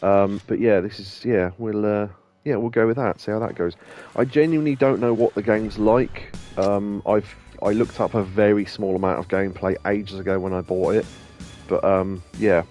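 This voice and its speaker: A man's voice: lowish voice, steady tone, normal speed, warm tone, faint music behind. Rambling man on a game stream. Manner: rambling, loose, with many ums and restarts. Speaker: gaming streamer and host. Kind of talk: casual let's-play commentary.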